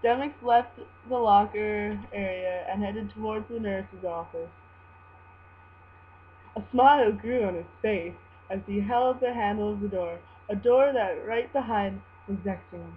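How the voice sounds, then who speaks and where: A woman reads fan fiction aloud in an amateur, dramatic way. She goes slowly and haltingly, often stumbling. The recording is dull, with a faint hum behind her. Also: medium pitch. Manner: halting, stumbles over words and breaks into giggles. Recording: muffled, humming home recording.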